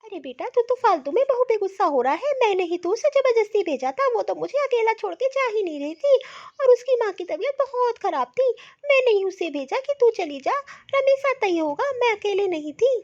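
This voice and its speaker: A woman voicing a gentle, caring older mother-in-law in a cartoon story, talking softly and fondly. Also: very high-pitched, sing-song, a little fast, hardly any pauses. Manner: soft, fond, soothing. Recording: dull lo-fi audio.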